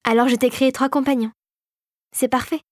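A woman voicing an eager, inventive young girl who rules a toy kingdom, with a lively, raised voice. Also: high voice, fairly quick, no room sound, clean studio sound.

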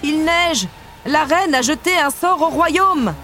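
A woman voicing a frightened old male duke who shouts in alarm, in a storybook reading. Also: high voice, takes it slowly, pitched above the performer's own voice, exaggerated voice. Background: music.

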